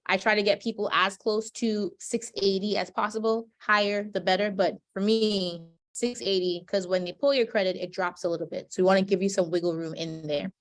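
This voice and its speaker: A woman's voice: medium pitch, steady tone, brisk, few pauses. A woman from Trinidad teaching budgeting and credit basics in a webinar, explaining step by step and checking in with "right?" as she goes. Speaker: financial educator. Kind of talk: webinar presentation. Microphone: video call.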